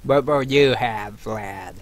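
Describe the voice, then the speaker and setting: A man's voice: lowish voice, takes it slowly. Man playing a hearty dwarf innkeeper. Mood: friendly. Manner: hearty, calls guests "lad". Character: friendly male dwarf innkeeper brewing his own mead.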